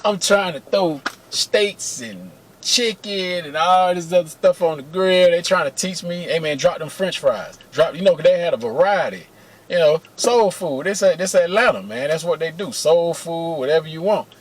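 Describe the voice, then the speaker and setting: A middle-aged man with a fairly high voice spins a personal story straight to his camera. He talks in a loose, slangy way, curses freely and keeps calling out to his viewers. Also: normal speed. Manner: animated, slangy and profane, addresses viewers as y'all. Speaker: vlogger telling personal stories. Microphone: camera mic, close.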